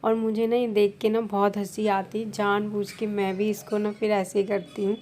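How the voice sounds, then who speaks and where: A woman's voice: mid-range voice, level tone, normal speed, a little mellow. A young Indian woman, a vlogger from India, talking casually as she explains her household chores step by step. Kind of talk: casual voice-over narration.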